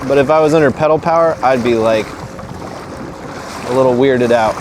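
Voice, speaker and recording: A man talks casually to his viewers as a fishing vlog host, out on open water in the wind. His pitch is middling for a man. He speaks in an informal way, as if out on a windy clifftop, exposed to the weather. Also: unhurried. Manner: informal, addresses viewers as guys. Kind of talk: casual talk to camera from a kayak. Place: outdoors on open water in a kayak, strong wind at times.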